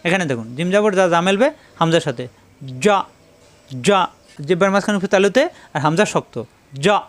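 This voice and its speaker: A man with a high, expressive voice gives a tajweed lesson on Quran recitation rules. He patiently repeats each sound to show how they differ and recites verses in a slow, drawn-out chant.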